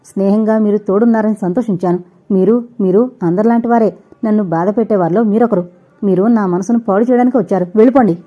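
A woman voicing a hurt young woman who pushes a man away in loud, sharp outbursts, read as an audiobook character. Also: mid-range voice, quick pace, natural voice. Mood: angry. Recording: dull lo-fi recording.

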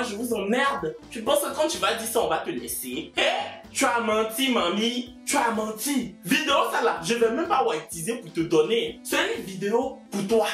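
A woman delivering a heated, mocking reaction rant. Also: on the high side. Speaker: vlogger. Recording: echoey room with faint music.

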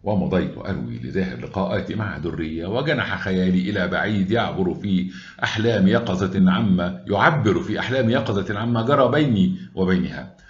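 A man with an Egyptian accent narrating a story aloud in a wry, unhurried way. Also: deep voice, lively intonation, muffled recording. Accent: Egyptian Arabic.

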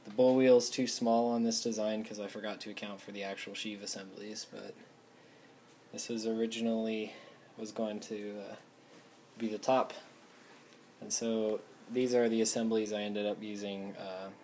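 A young man with a lowish voice gives an easygoing show-and-tell of his hobby builds. He explains each piece offhandedly into a handheld camera in his garage, with a faint background hum. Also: warm tone. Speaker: hobbyist vlogger. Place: home garage, indoors.

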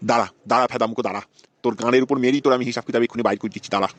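A man's voice: mid-range voice, fairly even intonation, rapid-fire, fairly bright tone, close to an everyday voice. A man voicing a crude, hot-tempered cartoon father who curses and threatens his son. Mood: angry. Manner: cursing and threatening. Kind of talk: comic Bengali cartoon voice acting.

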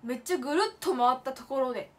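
A late-teen idol livestream host with a high, light voice chats casually with her viewers, telling stories playfully and landing her punchlines with heavy emphasis. She is animated and talks fast, sprinkling in emphatic asides and moving easily between polite phrasing and casual slang.

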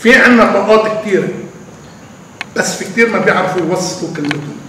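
An older man, a poet answering questions in an animated, emphatic way, with drawn-out pauses. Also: high voice. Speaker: poet being interviewed. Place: large echoey hall. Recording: echoey hall from far off, faint noise.

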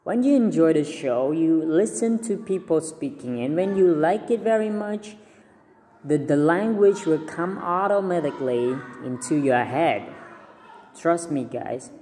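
This slow, mellow young vlogger with a Cambodian accent has a slightly high voice and lively intonation. A native Khmer speaker, he offers casual language tips on camera, earnestly repeating and restarting, filmed by a phone at arm's length in a small room that sounds big, with faint background noise.

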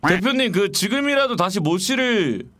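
A man in his twenties, commentating a horror game he is playing, talking back to the characters and yelling when startled. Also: high voice, lively intonation, normal speed, faint music behind. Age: 20s. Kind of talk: casual gameplay commentary.

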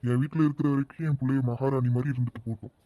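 Brief: indulgent cartoon dad, calm and reassuring, very dark mellow tone, dry close recording, a man performing. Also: mid-range voice, racing, dry recording, lightly acted. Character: easygoing village father, indulgent. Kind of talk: animated cartoon voice acting.

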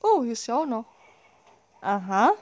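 A woman's voice: a little high, very animated, normal speed, muffled recording. A woman giving casual, wry, sarcastic commentary as she plays a horror game. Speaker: let's play host.

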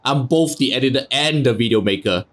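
A man's voice: medium pitch, brisk, fairly bright tone. A man giving joking, casually swearing game commentary with mock exasperation. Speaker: gameplay video maker and commentator. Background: video game music.

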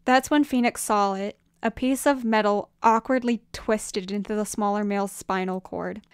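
A woman narrates a story aloud with a smooth, clean voice. Her delivery is measured and expressive, recorded dry and close. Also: mid-range voice, no room sound. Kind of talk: fan fiction audiobook reading.

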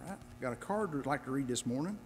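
A man giving church announcements from the pulpit in a plain way, reading out a card slowly. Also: mid-range voice, lively intonation, long reverb tail, a loud crowd, heavy background noise.

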